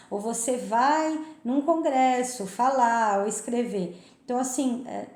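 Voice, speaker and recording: A woman's voice: on the high side, a little mellow. Echoey woman teacher checking in with "tá?". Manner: frequent "tá?" and "né?" checks, explanatory. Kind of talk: explaining a textbook chapter. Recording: echoey room.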